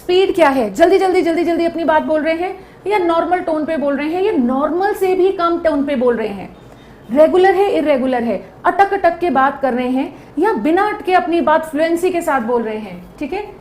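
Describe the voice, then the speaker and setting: A woman's voice: high voice, expressive, moderate pace, a little mellow, roomy sound, slight background noise. A woman giving a lecture, explaining step by step and often checking in with her listeners. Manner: explaining with repeated check-ins. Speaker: teacher.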